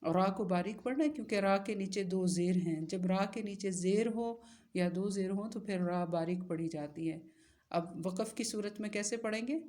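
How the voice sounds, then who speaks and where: A woman teaching a recitation lesson, patiently asking questions and answering them, and spelling letters out slowly. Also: medium pitch, dark tone.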